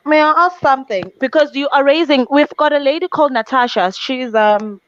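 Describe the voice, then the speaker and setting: A woman from southern Africa hosting a casual conversation, encouraging, repeating words when excited. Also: high-pitched, brisk, a little hiss or hum. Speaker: host. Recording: dry, dull lo-fi sound.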